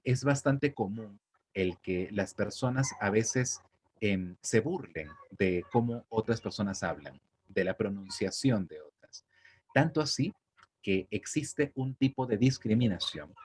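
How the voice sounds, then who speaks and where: A man's voice: fairly low pitch, darkish tone, slightly rough. A young man, explaining spelling in a patient, conversational way and checking that the listener follows. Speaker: teacher. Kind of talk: spelling lesson.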